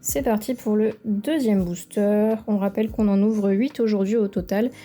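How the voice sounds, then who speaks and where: A woman's voice: mid-range voice, fairly even intonation, normal speed, dark tone. A young woman, chatting enthusiastically as she opens trading card packs and praises each card. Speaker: card-opening video creator. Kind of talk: casual card-opening commentary. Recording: faint background music.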